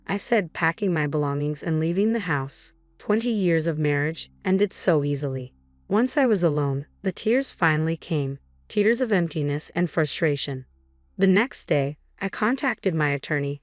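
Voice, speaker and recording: Low-voiced woman narrating calmly. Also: dry recording. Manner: calm, cold, measured. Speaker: storyteller. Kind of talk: scripted first-person narration.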